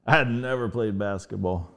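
A man from Northern Virginia, a podcast guest, talking in a laid-back, halting way with lots of fillers. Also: fairly low pitch, a bit bright. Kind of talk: casual interview chat.

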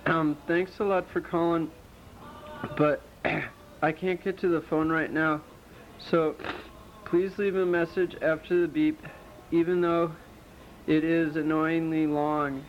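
A man with a cold recording an answering machine greeting, speaking slowly and trailing off with fillers, played back from old tape. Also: on the high side. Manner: slow and flat, trailing off with fillers. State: has a cold, sniffly. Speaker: person recording an outgoing phone message. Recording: muffled lo-fi answering machine tape, distant, faint hiss. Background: soft acoustic guitar music.

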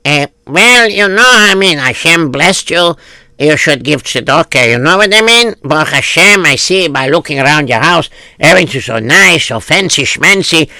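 Poor beggar, played by a man, raised pitch, gravelly, stammers and pleads. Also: expressive, moderate pace, pushed and bright, dry recording, heavily acted. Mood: pleading. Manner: stammering, pleading, hums to himself.

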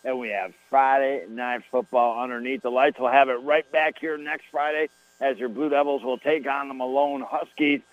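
A man's voice: mid-range voice, steady tone, moderate pace, no room sound. Man on tinny AM radio, folksy sportscaster. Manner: folksy, chatty, rattles off scores and plays. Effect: AM radio broadcast sound. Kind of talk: live high school football commentary. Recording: tinny, dry AM radio line.

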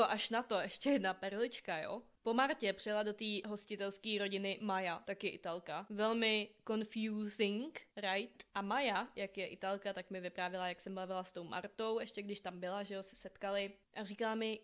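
A woman's voice: mid-range voice, steady tone, fairly bright tone. A young woman hosting a podcast alone, telling stories in a chatty, self-ironic way. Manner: chatty, self-ironic, laughs at her own jokes. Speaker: podcast host. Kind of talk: casual storytelling monologue.

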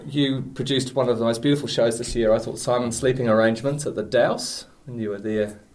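A friendly man with a New Zealand accent hosts a panel podcast at a university art school. His voice sits at an ordinary middle pitch. He talks in a chatty way, pausing on small fillers as he introduces his guests. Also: steady tone, darkish tone. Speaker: podcast host. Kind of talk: relaxed panel chat.

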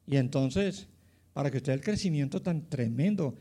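A man's voice: mid-range voice, expressive, normal speed, mellow, husky. A man in his nineties from Colombia, a pastor telling his life story in a rambling way with many fillers and asides to his listeners. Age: 90s. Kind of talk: personal testimony, casual storytelling.

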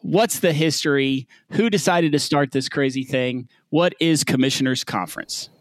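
A man's voice: medium pitch, normal speed, no room sound. A man hosting a podcast, interviewing in a casual, conversational way.

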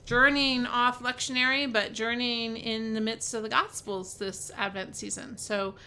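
A woman's voice: fairly high pitch, steady tone, a little slow, pushed and bright, clear, resonant tone. A woman hosting a devotional podcast, chatting casually about a Bible passage with lots of fillers, restarts and "right?" tags. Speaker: podcast host and Bible teacher.

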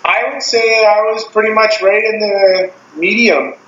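Laughing storyteller, swears freely; higher voice in an echoey, lo-fi room. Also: male voice, steady tone, measured pace, fairly bright tone. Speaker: podcast co-host. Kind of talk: casual chat. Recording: roomy, dull lo-fi sound with faint hiss.

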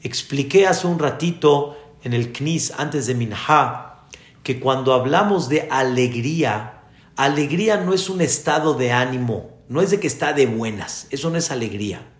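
A man's voice: medium pitch, animated, normal speed. A man, a rabbi giving an earnest sermon to his congregation. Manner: earnest, addressing the congregation directly. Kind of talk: sermon with storytelling. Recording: echoey room.

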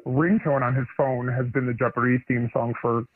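A woman calling in to a radio show, her voice pitched down deep by a voice changer. She talks in a chatty, playful way as she builds up to a confession. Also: fairly even intonation, moderate pace. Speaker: anonymous caller. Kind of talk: casual radio call-in chat. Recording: tinny phone line with crowd noise.

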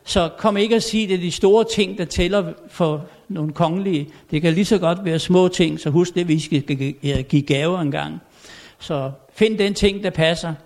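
An older man in a somewhat higher register tells stories from his years as a royal valet. He speaks to an audience at a country inn and acts out the dialogue he quotes. His delivery is hesitant, with frequent pauses. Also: darkish tone. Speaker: former royal valet giving a talk. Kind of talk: anecdotal storytelling lecture.

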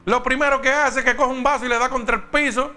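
Man, preaching sermon, high voice, faint music underneath. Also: steady tone, quick pace, sharp tone. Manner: emphatic preaching with direct questions to the congregation.

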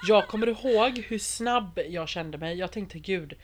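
A young woman chatting casually, expressive and laughing, swearing now and then. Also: medium pitch, background noise. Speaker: reality show contestant. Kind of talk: casual podcast chat.

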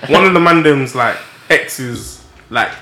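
A young man with a London accent, chatting casually and arguing his point in slangy, animated banter among friends. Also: medium pitch, takes it slowly. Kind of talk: casual banter in a group chat. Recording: echoey room.

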